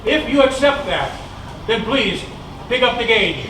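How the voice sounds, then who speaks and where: A man's voice: very high voice, sing-song, a little slow. A man delivering a formal ceremonial address as an officiating knight, exhorting in short declarative phrases. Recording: echoey, distant, noisy live recording.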